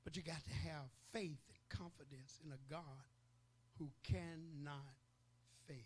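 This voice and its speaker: An older man preaching a sermon as pastor, emphatic, rising to loud peaks and pausing for effect. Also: a little high, fairly even intonation, breathy edge.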